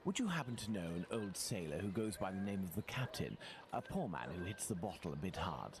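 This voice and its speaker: A courteous gentleman detective, with a fairly low, lively voice. He is formal and self-assured, speaking video game dialogue over clear background noise. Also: a little fast. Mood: confident. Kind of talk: video game character acting.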